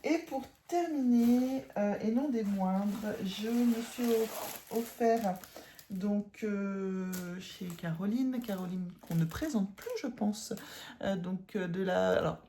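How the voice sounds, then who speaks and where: Tired, chatty northern French woman with a gravelly voice. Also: mid-range voice, takes it slowly, dark tone, slight background noise. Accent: northern French, Ch'ti. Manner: chatty, rambling with many fillers and self-corrections. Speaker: cross-stitch vlogger. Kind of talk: casual haul chat.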